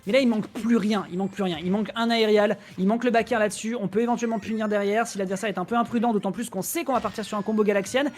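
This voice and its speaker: Fast-talking esports caster. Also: mid-range voice, fairly even intonation, darkish tone. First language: Italian. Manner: rapid, analytical, quick self-corrections. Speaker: co-commentator. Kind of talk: esports play-by-play commentary.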